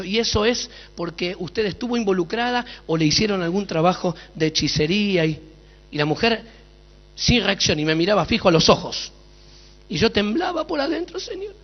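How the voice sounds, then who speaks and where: A man preaches in a very high, bright-toned voice, telling stories with flair and firing rhetorical questions at the crowd. His sermon rings through a big echoey hall, and the recording sounds dull and lo-fi. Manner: dramatic storytelling, with sudden shouts and rhetorical questions. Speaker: pastor. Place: large hall at a conference.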